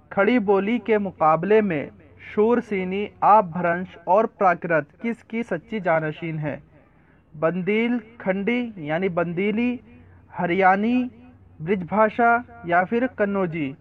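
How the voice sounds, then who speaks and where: A man's voice: sits high, phone-quality sound. A man reading out multiple-choice quiz questions and then stating each correct answer. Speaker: quiz presenter.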